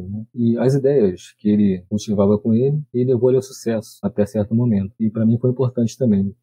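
A man's voice: medium pitch, mellow, husky, no echo, muffled recording. A man co-hosting a podcast who tells stories conversationally, checking in with "entendeu?" as he goes. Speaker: podcast co-host. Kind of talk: casual storytelling.

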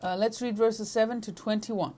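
Woman Bible teacher, unhurried and measured, speaks in short phrases for an interpreter. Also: on the high side, fairly even intonation, warm tone. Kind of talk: Bible lesson with consecutive interpreting.

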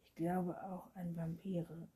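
Storybook boy, shy and startled, breathy low tone; a woman reader plays him. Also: level tone, slow, dark tone, heavily acted. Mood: timid. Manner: hesitant, startled questions. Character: timid wondering human boy. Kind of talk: storybook reading.

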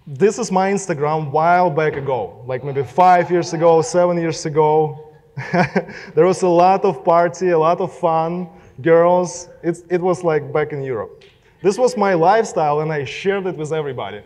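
Young russian-accented guy giving a talk to a crowd, kinda high voice, long hall echo. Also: a little slow, darkish tone. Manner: casual, direct, addresses audience with questions. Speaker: speaker. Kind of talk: live talk to an audience. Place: hall with a live audience.

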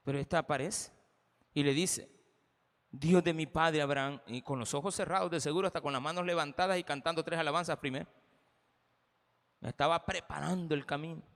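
Brief: impassioned Salvadoran male pastor, bright forceful voice, big echoing church. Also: a little high, brisk, creaky. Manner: impassioned, addresses the congregation directly. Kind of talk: sermon.

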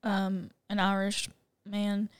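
A woman's voice: mid-range voice, monotone, takes it slowly, smooth, no echo. A woman co-hosting a podcast in casual chat, laid-back with frequent "like". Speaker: podcast co-host.

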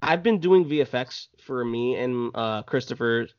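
A man talking as a podcast guest, relaxed and rambling with lots of fillers. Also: mid-range voice, normal speed, clear, resonant tone. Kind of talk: casual podcast chat. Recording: slightly dull lo-fi sound.

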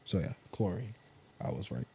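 Young adult male, mellow tone, loose rambling friend-to-friend banter with a teasing edge. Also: sits low, sing-song, moderate pace, vocal fry, husky.

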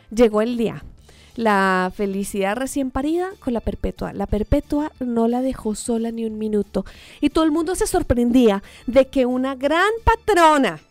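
A woman telling a story in a casual, animated way, full of fillers and acted-out reactions. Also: fairly high pitch, no echo.

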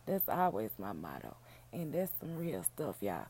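A woman with a raspy, hoarse voice, sounding unwell as she chats casually to her podcast listeners in a down-home way. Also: a bass voice, big pitch swings, a little slow, dark tone. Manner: down-home, addresses listeners as y'all and baby. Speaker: podcast host, book reviewer. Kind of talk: casual solo podcast chat.

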